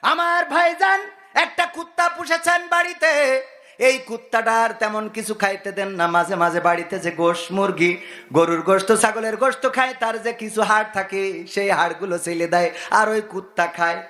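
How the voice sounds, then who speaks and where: A man preaches a waz sermon. His voice is high, bright and cutting, and he often shouts. He drives his points home with a singing lilt and repeated rhetorical questions. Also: moderate pace. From Bangladesh. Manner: loud, sing-song preaching with rhetorical questions. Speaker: Islamic preacher.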